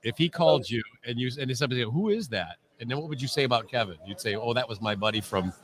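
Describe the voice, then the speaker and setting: A man's voice: mid-range voice, expressive, fast. A middle-aged man hosting a casual video-call chat, full of teasing banter. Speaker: host.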